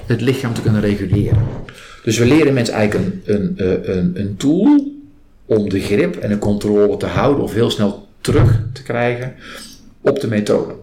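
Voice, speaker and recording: A man with a lowish, mellow, animated voice explains his body-based stress release training method at a moderate pace during an interview. He keeps it conversational, performing sample questions and client remarks. Echo from the room and clear background noise come through.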